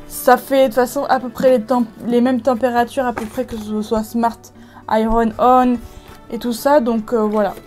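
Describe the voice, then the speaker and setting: A woman's voice: a little high, little pitch movement, normal speed, a little mellow, soft background music. A woman from France talking through a craft tutorial at home in a casual, chatty way, with many fillers and restarts. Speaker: craft video creator.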